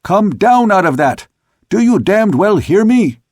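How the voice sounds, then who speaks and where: An actor playing an angry older male ship captain who shouts commands from the rigging. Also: sits high, sing-song, a little slow, no echo, studio quality, pitched above the performer's own voice. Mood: shouting angrily.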